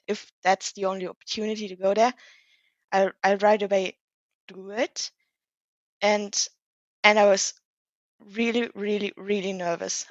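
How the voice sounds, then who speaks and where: In a casual conversational interview, a late-teens podcast guest whose first language is German speaks English modestly and with slight hesitation. Her medium-pitched voice comes through with no echo and dull audio.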